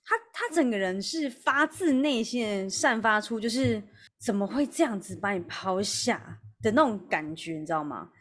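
A young woman chats on her podcast with a giggly, storytelling energy. Her voice swings widely in pitch and bounces through each anecdote. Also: expressive, moderate pace, a bit bright. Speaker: podcast co-host. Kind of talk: casual chat.

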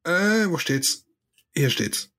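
A man's voice: on the high side, very animated, slow, pushed and bright. Joking man in his thirties. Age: 30s. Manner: joking, colloquial. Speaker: podcast co-host. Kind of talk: casual podcast chat.

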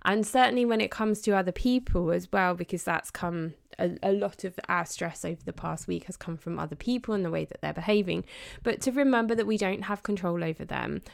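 A woman's voice: lowish voice, fairly quick, vocal fry. A middle-aged woman hosting a devotional podcast, speaking in a heartfelt, chatty way with many fillers. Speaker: podcast host.

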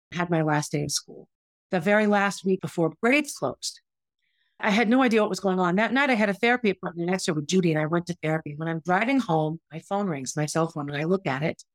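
A woman's voice: on the low side, no room sound. Emotional woman recounting a painful story. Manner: emotional, frustrated, candid. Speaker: podcast host, former teacher. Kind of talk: personal storytelling monologue.

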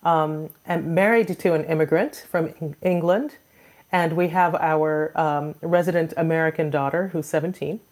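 A woman in her forties from Trinidad and Tobago speaks as a podcast guest in a fairly low voice. She answers in a friendly, thoughtful way, with the odd light laugh. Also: steady tone, moderate pace, a little mellow. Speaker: author and coach, podcast guest. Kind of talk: casual interview answers.

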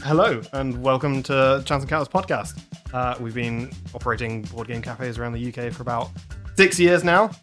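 A man's voice: medium pitch, normal speed, over music. A man hosting a podcast in casual chat, laughing often and tripping over his words. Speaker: podcast host.

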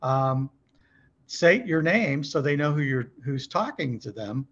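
Fairly high-pitched and unhurried, with lively intonation and some brightness, a man coaches as a podcast guest over a muffled recording. He trains service staff at car dealerships, speaking emphatically, asking rhetorical check-in questions and acting out sample calls.

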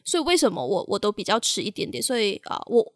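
A young woman co-hosting a podcast, telling a personal story in a halting, candid way and slipping into English phrases now and then. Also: mid-range voice, very animated, no room sound, clean studio sound. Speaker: podcast co-host.

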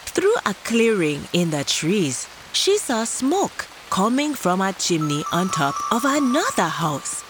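A woman storyteller for young children with a very lively, swooping delivery. She takes her time, speaking playfully like a kids' entertainer, with music around her voice. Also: medium pitch, slow, poor audio. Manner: playful, exclaiming, addresses little listeners like a children's entertainer. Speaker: children's story show host. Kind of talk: animated children's storytelling, scripted narration.

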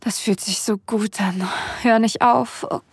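A woman performing sensual ASMR role-play in a breathy, airy voice, speaking intimately and directly to the listener, close to the microphone. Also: on the high side, steady tone, a little slow, no room sound. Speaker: erotic audio performer. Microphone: close microphone, dry sound.

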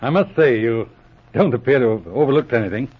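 Police inspector, cool, terse, middle pitch, husky edge, old radio serial. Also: male voice, lively intonation, a little fast. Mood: defiant, composed. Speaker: radio drama actor. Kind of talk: 1940s radio adventure serial acting. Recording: muffled old radio recording.

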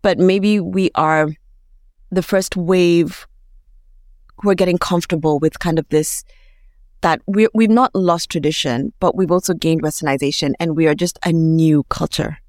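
A woman's voice: lowish voice, moderate pace, darkish tone, no echo, studio quality. A woman with a Kenyan accent speaking reflectively and expressively as an interview guest.

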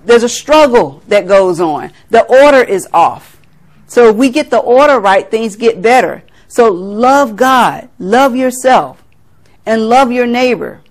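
A woman's voice: on the high side, lively intonation, unhurried. A middle-aged woman from South Carolina preaching a sermon, earnest, laughing at herself and acting out family conversations.

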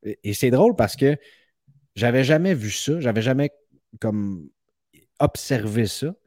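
A man's voice: medium pitch, animated, unhurried, a little mellow, no echo, clean studio sound. A man with a Québécois French accent co-hosting a podcast, joking and rambling in casual chat. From Quebec. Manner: joking, rambling, playful teasing. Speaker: podcast co-host.

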